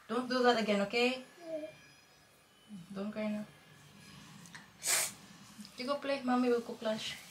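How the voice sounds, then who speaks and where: Woman, mother, quiet soothing tone with a child, home setting. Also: fairly high pitch, steady tone, slow pace, pauses often, reverberant, recorded from a distance, slight background noise. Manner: soft, soothing, scolding gently.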